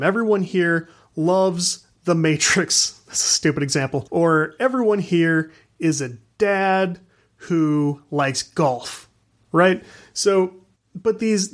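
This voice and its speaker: A man hosting a podcast in a casual monologue, ranting frankly, laughing often and swearing freely. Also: sits high. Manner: animated, laughs while talking. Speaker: podcast host.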